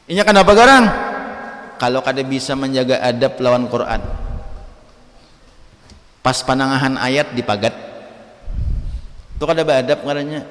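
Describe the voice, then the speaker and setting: A man with a Banjar accent giving a conversational religious lesson in an Islamic study hall, lecturing in a lively, chatty way and acting out examples. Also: mid-range voice, normal speed, long pauses. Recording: reverberant hall.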